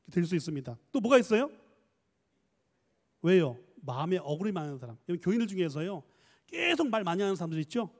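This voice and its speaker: A man giving a lively church lecture on counseling, coaxing the audience to read aloud and answer, switching between polite and casual speech. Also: high-pitched, in a large hall. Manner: mixes polite and casual speech, quick asides. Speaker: professor leading a church training lecture.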